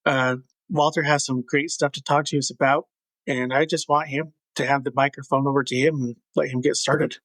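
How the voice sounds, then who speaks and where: A man's voice: mid-range voice, steady tone, moderate pace, fairly bright tone, dry recording. A man hosting a podcast, speaking briefly and casually as he hands the floor to his guest. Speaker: podcast host.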